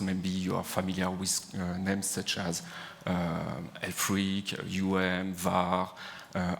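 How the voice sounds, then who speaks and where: A man with a French accent giving a conference presentation, halting with frequent fillers. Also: low-pitched, gravelly. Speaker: conference speaker, CPU engineer. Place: large conference hall. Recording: reverberant conference hall.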